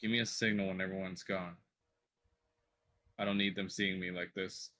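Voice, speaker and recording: A man's voice: deep voice, little pitch movement, normal speed, sharp tone. A man voicing a self-conscious, grumbling woman in a tabletop game, guarded and sardonic in manner. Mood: guarded, embarrassed.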